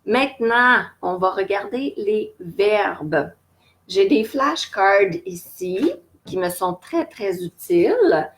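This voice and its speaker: A woman's voice: mid-range voice, expressive, takes it slowly. A woman with a Québécois French accent teaching a live beginners' English lesson from home, patiently repeating each English word several times for learners to copy. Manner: patient, step-by-step explaining with frequent fillers. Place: at home during lockdown.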